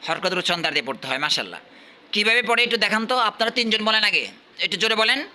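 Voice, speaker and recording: A man from Bangladesh teaching at a madrasa, quizzing his pupils and repeating questions while urging them to answer louder. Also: high-pitched, animated, rapid-fire. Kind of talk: classroom quizzing.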